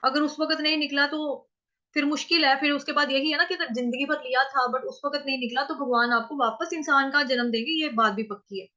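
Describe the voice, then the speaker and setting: A woman teaching how to chant a Sanskrit verse, breaking words into syllables, repeating them slowly and answering her own questions. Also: high voice, steady tone, pushed and bright, muffled recording. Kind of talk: pronunciation lesson in Hindi.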